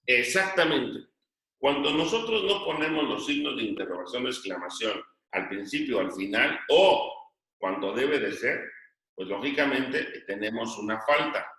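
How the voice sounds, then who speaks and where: A man's voice: medium pitch, lively intonation, normal speed, bright, forceful tone. A male teacher explaining a grammar point to his class and dictating notes, often repeating phrases. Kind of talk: classroom lesson. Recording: echoey room, voice from a distance.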